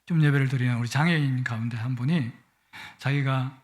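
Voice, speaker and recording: A man's voice: medium pitch, fairly quick. A middle-aged man preaching a Sunday sermon in a church, with a playful manner that swells with emotion. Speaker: guest pastor. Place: church sanctuary.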